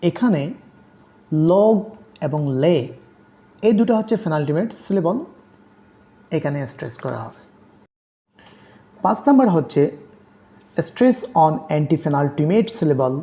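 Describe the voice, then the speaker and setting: A woman giving an exam-prep lecture on English grammar, reading English definitions slowly and spelling out letters. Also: sits low, animated, dark tone. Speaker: English teacher.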